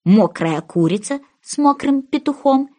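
A woman narrating a children's story aloud with an animated delivery. Her voice sits slightly high and moves through a wide, lively range. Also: a little slow. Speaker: storybook reader. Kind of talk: expressive audiobook narration.

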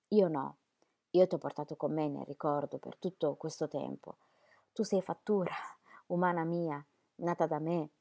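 Grieving young mom talking soft and slow to her little boy, a woman reading her lines, kinda low voice. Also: no echo, studio quality. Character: grieving young mother speaking tenderly to her son.

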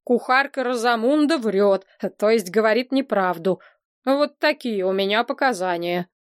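A woman reading as a self-important fairy-tale king, proud and pompous. The voice is fairly high and the sound is close and dry. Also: moderate pace, dry recording, lightly acted. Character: proud, nosy storybook king, middle-aged man.

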